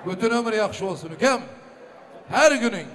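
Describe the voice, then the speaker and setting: A man working as a booming wedding announcer, hosting live and ceremoniously calling out blessings and requests for applause. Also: expressive, normal speed, a bit bright. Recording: live hall with crowd noise. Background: crowd and ambient noise.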